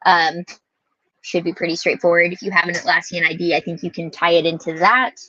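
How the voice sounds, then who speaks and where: A woman's voice: on the low side, steady tone, a little fast, sharp tone, no room sound, lo-fi sound. An American woman hosting a casual livestream from inside a small camper, talking in an informal, rambling way. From United States, lives in Louisiana. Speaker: livestream host.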